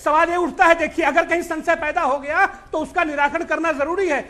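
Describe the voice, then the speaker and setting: A man's voice: very high-pitched, fairly even intonation, a little fast, pushed and bright. A man speaking as an opposition politician in a heated TV news debate, insistent and repeating himself as he talks over the anchor on a remote link.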